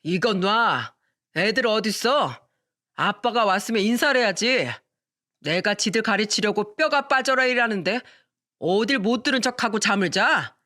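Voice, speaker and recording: A woman voicing a drunk, bossy middle-aged husband and father who scolds loudly with slurred words. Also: medium pitch, expressive, moderate pace. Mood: drunken scolding.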